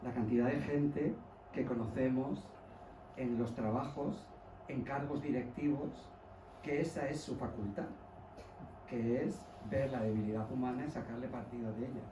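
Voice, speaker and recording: A man's voice: medium pitch, fairly even intonation, normal speed, roomy sound, distant mic, background noise. A man from Mallorca, a journalist, asking the author questions in a playful, curious way. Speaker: journalist guest. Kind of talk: book presentation talk.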